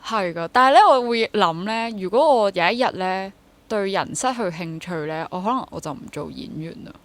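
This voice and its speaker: This woman's mid-range voice is expressive and a bit bright, moving a little fast. In her twenties and speaking with a Hong Kong Cantonese accent, she's a freelance actor and drama teacher chatting casually as an interview guest, thinking aloud, rephrasing, and dropping in English.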